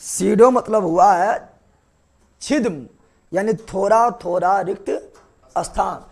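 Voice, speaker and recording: Here a young male teacher delivers a biology lesson, drilling his students over and over with rapid questions. His voice sits high and has a creaky quality.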